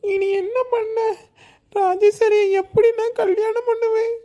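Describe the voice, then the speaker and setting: A lovesick young man in a cartoon sobs and wails over his lost love, as a woman voices him. He speaks with a Kanyakumari Tamil accent. His voice sits very high. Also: level tone, unhurried, dark tone. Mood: weepy. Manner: sobbing, self-pitying wails. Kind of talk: cartoon voice acting.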